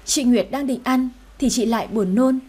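A woman narrating a story in the first person with steady, even-toned reading. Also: a little high, moderate pace, breathy edge.

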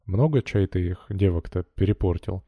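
A man's voice: deep voice, normal speed, dry recording, phone-quality sound. A man voicing a stern, prying middle-aged miller questioning his worker in an audiobook.

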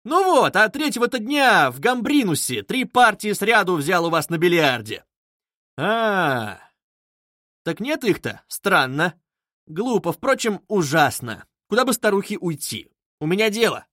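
A man reading aloud, voicing an excitable young male student who talks quickly and insistently. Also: sits high, dry recording, clean studio sound, pitched above the performer's own voice, heavily acted. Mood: eager, urgent.

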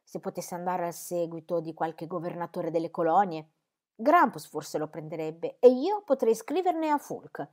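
A woman reading the lines of an impatient, indignant gentleman in an audiobook, in a pressing, earnest way. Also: lowish voice, expressive, moderate pace, lightly acted.

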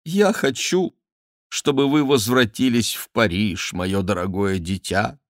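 A man voicing an aging, scheming queen mother who pleads with her son in a raised, drawn-out way. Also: lowish voice, no echo, studio quality, natural voice. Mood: imploring.

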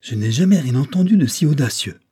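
A man's voice: lowish voice, fairly quick, mellow, slightly rough. A man voicing a young woman witness who answers with trembling, indignant outbursts in an audiobook.

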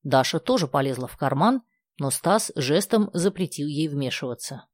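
A woman narrating a children's adventure audiobook in a calm, even storytelling manner. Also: low voice, normal speed, dry recording. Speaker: audiobook reader. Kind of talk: scripted narration.

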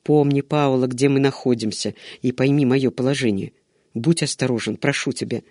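A man voicing a young nobleman who speaks calmly and firmly, trying to restrain his servant. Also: medium pitch, moderate pace, dry recording, studio quality, lightly acted. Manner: calm, firm, imploring.

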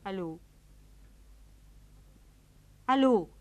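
A despairing woman clinging to a phone call with her lover, in the style of a 1950s radio play. She speaks slowly and tremulously, drifting from hushed murmurs to frantic pleading. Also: on the low side, steady tone. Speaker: actress. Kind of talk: 1950s radio drama acting.

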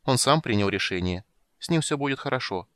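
A man reading the part of a kind young elf woman who speaks gently and reassuringly. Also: mid-range voice, animated, brisk, no room sound, studio quality, lightly acted.

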